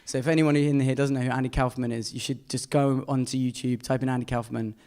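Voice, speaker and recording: A man's voice: medium pitch, steady tone, fast, darkish tone, clean tone. Chatty man giving a slide talk. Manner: chatty, enthusiastic, many fillers. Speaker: artist giving a presentation.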